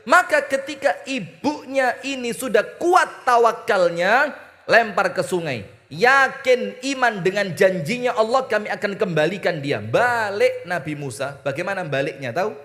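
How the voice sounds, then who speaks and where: A man's voice: high-pitched, a bit bright. A man with an East Javanese accent preaching a humorous sermon, teasing his audience and mimicking voices. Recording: reverberant hall.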